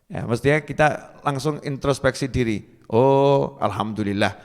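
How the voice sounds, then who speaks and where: A man's voice: mid-range voice, normal speed. A man with an Indonesian accent giving a storytelling sermon, acting out quoted speech and reciting Arabic verses. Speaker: preacher. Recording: long hall reverb.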